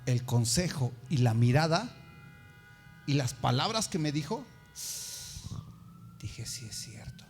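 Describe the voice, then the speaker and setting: Man, preaching, lively swinging pitch, fairly high voice, storytelling sermon. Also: slow pace, pauses often, faint music behind. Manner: animated storytelling, acts out quoted voices. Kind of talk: sermon with personal testimony.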